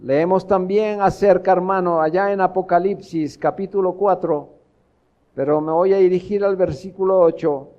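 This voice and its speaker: A man's voice: high-pitched, steady tone, moderate pace, warm tone, highs cut off. A man preaching a sermon as pastor, earnest, asking rhetorical questions of the congregation.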